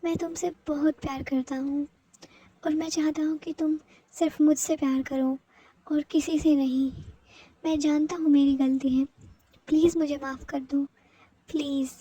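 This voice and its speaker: A woman's voice: high voice, level tone, normal speed, long pauses, mellow, no echo, close to an everyday voice, poor audio. A woman doing an obsessive, possessive male teacher. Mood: apologetic. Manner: possessive, brooding.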